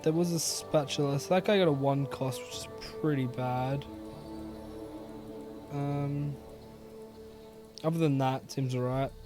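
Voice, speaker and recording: A young man from Australia giving casual gameplay commentary in a relaxed, rambling way, with many "um"s and yawns. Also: mid-range voice, a little slow, pauses often, over music. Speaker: gaming YouTuber.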